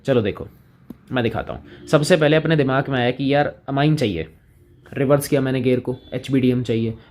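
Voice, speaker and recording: A man's voice: medium pitch, darkish tone. A man teaching chemistry in a casual lecture, chatting with students and playing both sides of the conversation.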